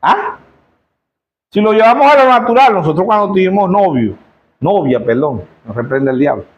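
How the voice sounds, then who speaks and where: Male pastor, Zulia Venezuelan accent, high register, call-and-response church sermon. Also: animated, fairly quick, poor audio. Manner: rhetorical call-and-response, keeps asking the congregation "yes or no".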